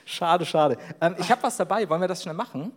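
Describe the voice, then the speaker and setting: A man with a Bavarian accent co-hosting a live comedy podcast on stage, excitable and laughing often. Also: high voice, a little fast.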